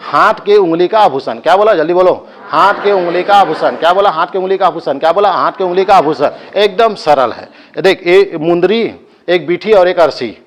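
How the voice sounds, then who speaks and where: A man's voice: high voice, lively intonation, moderate pace. A male coaching teacher with a Chhattisgarhi accent, giving a live class lecture, drilling students with chanted repetition and joking asides.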